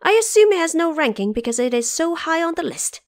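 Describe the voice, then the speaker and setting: A woman's voice: extremely high pitch, very animated, fairly quick, dry recording, clean studio sound, voice pushed up. Woman voicing the proud, hot-tempered Monkey King. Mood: curious, self-assured. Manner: indignant, boastful exclamations.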